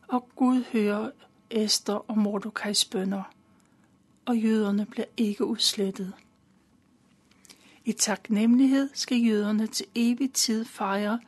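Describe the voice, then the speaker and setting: A woman with a breathy, husky voice tells a Bible story in plain, simple words. She keeps a calm, steady storytelling pace and now and then adds a small filler. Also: mid-range voice.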